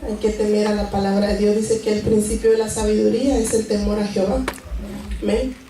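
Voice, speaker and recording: A woman's voice: mid-range voice, flat delivery, brisk, warm tone, distant mic, slight background noise. Nervous woman preaching in an echoey church. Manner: nervous, earnest, with restarts and repetitions. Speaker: church member giving a sermon. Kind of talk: church sermon with Bible reading. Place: church sanctuary. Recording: echoey church hall recorded from afar.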